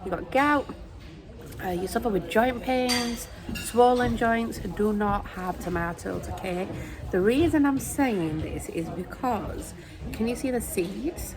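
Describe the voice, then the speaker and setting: A young British woman vlogging at home, chatting and rambling with lots of ums, recorded on her phone camera held at arm's length. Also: medium pitch. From United Kingdom. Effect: phone video recording. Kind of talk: casual chat to camera. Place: indoors at home.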